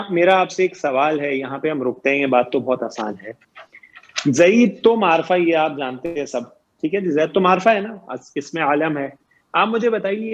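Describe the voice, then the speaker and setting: A man's voice: a little high, highs cut off. A man teaching grammar in an online lecture, explaining patiently, quizzing his students and repeating each point.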